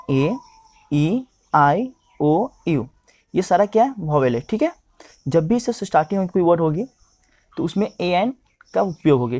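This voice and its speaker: Guy teaching grammar, soft mellow tone, keeps saying okay and asking himself questions. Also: high voice, no echo. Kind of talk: explaining English grammar.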